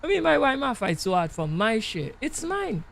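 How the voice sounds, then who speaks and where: A man's voice: high-pitched, big pitch swings, brisk, gravelly, fairly bright tone. A man with a Jamaican accent, hosting a gaming channel, rambling casually over gameplay and keeping checking in with the listener. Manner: musing, keeps checking in with the listener. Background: truck driving game sounds.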